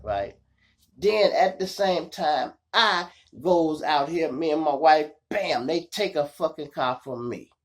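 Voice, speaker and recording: With a fairly high, gravelly voice and a Chicago accent, this man hosts an online show and spins casual street stories, acting out the dialogue. His style is slangy and animated, and he addresses the audience as "y'all."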